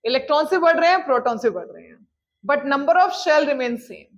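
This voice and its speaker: Her pitch swinging widely, a high-voiced chemistry teacher lectures her class, frequently asking "clear?" and addressing students as "beta". She blends English phrases into her explanations and dictates definitions slowly, on a slightly dull, lo-fi recording.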